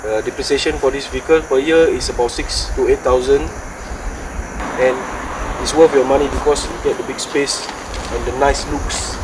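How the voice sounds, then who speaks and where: A man's voice: mid-range voice, fairly even intonation, moderate pace. A man with a Singaporean accent talking casual Singlish with lah and ah particles, like a host of an amateur car review. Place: outdoors at night. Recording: noisy outdoor sound, distant mic, insects and traffic.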